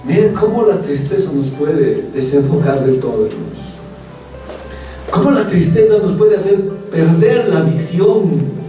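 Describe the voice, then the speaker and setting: In a church hall, a male preacher delivers an emphatic sermon, addressing the congregation as his brothers. His voice sits on the high side, dark in tone, with lively intonation and an unhurried pace. The recording is echoey, taken by a distant mic, with faint music behind.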